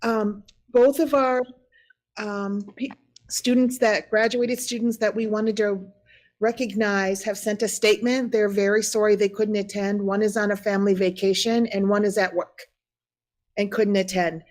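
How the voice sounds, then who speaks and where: A woman's voice: mid-range voice, fairly even intonation, moderate pace. A woman with a Wisconsin accent, a school district staff member presenting at a board meeting and reading statements aloud, laughing at her own slips.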